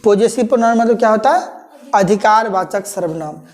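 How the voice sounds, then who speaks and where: Woman, grammar teacher, mellow relaxed tone, slow repeated terms, checks understanding. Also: medium pitch. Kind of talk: classroom lesson explaining pronouns.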